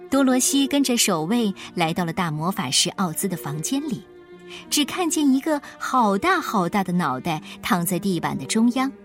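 A woman storyteller giving expressive scripted narration of a children's tale. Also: mid-range voice, moderate pace, faint music behind.

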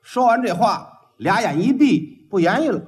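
A man leads a xiangsheng crosstalk routine in a high voice that swoops up and down. He rattles off long, rhythmic patter lists and acts out scenes, mimicking the sounds himself. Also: sing-song, normal speed. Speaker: lead comic in crosstalk.

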